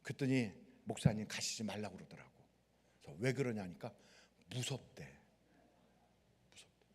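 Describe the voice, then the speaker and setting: A man's voice: lowish voice, normal speed, breathy edge. A male pastor preaching a sermon and telling stories vividly, acting out the people in them, in a large worship hall. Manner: animated storytelling, acting out the people in his story. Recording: long hall reverb.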